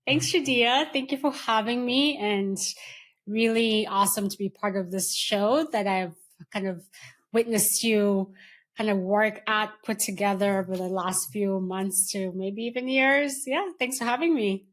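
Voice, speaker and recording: A woman in her forties from Kenya, a doctor guesting on a podcast, talking in a relaxed, thoughtful way with many pauses and fillers. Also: medium pitch. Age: 40s. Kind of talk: casual interview chat.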